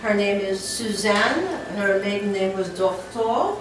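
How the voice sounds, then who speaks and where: A woman's voice: mid-range voice, animated, unhurried. A woman introducing her mother to an audience, emotional and joking by turns. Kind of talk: introduction speech. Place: large room. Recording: echoey hall from far off, with noise.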